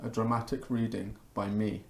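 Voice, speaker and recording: A man giving a hammy, theatrical dramatic reading like a stage actor, with dramatic pauses and swells. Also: lowish voice, flat delivery, gravelly. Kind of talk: dramatic reading of a spam e-mail. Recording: echoey, roomy sound.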